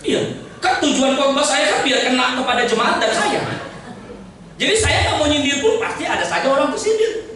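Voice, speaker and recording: Indonesian pastor guy preaching, jokey and lively, echoey church hall, a bit far off, noisy room. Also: very high voice, brisk. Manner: jokey, animated, calls out to the congregation. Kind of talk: lively sermon to a congregation.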